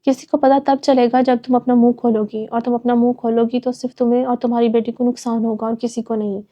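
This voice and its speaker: A woman's voice: fairly high pitch, level tone, lightly acted. A woman voicing a curt, commanding rich young man in a dull lo-fi recording.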